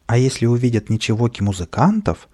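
A man narrating a children's audiobook in an expressive storytelling manner. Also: mid-range voice, fairly quick.

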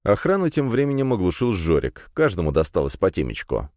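A man narrating a fantasy audiobook in the first person, in a lively storytelling manner. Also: deep voice, a little fast, no echo. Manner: lively storytelling with acted dialogue. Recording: dry close studio.

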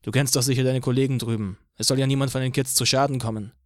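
A man reading an audiobook, voicing an easygoing, cheeky band leader in a relaxed, matter-of-fact way. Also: mid-range voice, fast talker, no room sound, clean studio sound, close to an everyday voice. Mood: calm.

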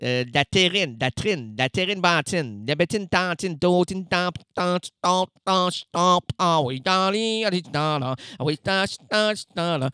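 A man with a Québécois accent rambles through an absurd live radio monologue. His voice sits high and sounds bright and keen. He lurches from mock shouts to low mumbles, and the studio sound is dry and close. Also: a little slow, few pauses, clear, resonant tone, dry recording. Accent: Québécois French. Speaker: radio host.

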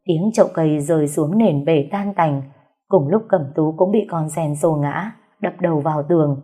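A woman narrating a dramatic novel aloud in steady storytelling. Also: deep voice, normal speed, husky. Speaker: audiobook narrator. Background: faint music.

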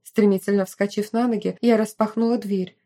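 A woman's voice: mid-range voice, steady tone, brisk, dark tone. A woman narrating a novel in the first person as an audiobook reader.

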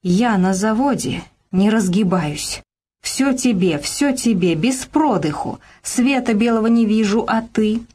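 A woman's voice: medium pitch, animated, measured pace, mellow, slightly rough. An exhausted working mother scolds in a hissing, clipped voice, as a woman narrator plays her. She is bitter and worn down, a figure from a gritty audiobook drama. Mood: tearful. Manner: hissing through teeth, tearful.

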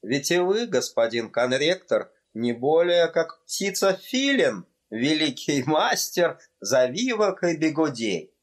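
A male reader voicing an excitable young student in a storybook, fervent and a bit raised. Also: fairly high pitch, slow, voice pushed up, full character voice. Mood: excited. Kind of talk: audiobook character voice.

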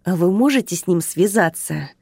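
A woman's voice: lowish voice, animated, moderate pace, vocal fry, a little mellow, breathy edge, dry recording, heavily acted. A woman voicing a stern, indignant female museum attendant who scolds in a raised voice.

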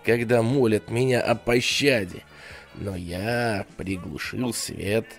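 A man reading an audiobook in a theatrical style, sometimes dropping to a hushed whisper. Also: mid-range voice. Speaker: audiobook reader. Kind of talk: audiobook narration.

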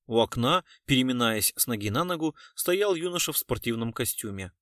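A man narrating a detective story in an even, measured reading style. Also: mid-range voice, no echo, clean studio sound. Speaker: audiobook narrator. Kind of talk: scripted narration.

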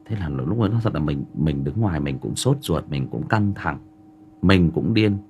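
A man's voice: extremely low pitch, animated, normal speed, a little mellow, highs cut off, a little hiss or hum. A man with a Northern Vietnamese accent, hosting a livestream and telling a family story in a casual, rambling way full of filler words. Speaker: livestream host.

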